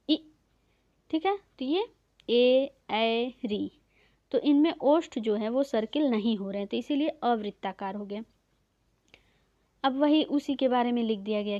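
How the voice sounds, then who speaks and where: A woman's voice: sits high, lo-fi sound. A woman teacher giving an exam-prep grammar lesson, explaining step by step and drawing out vowel sounds as she goes. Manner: explains step by step, stretching out vowel sounds, often checks with "theek hai".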